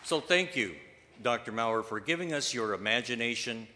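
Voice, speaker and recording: A man giving a formal tribute speech, measured and earnest, with deliberate pauses. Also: medium pitch, expressive, bright, forceful tone, a little hiss or hum. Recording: reverberant hall.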